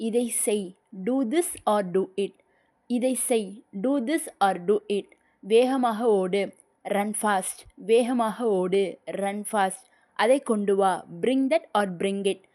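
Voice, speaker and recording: A young woman leads a beginner English lesson. She speaks at a very slow, deliberate pace. Each short phrase is clearly repeated twice. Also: medium pitch, a little mellow. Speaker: English teacher.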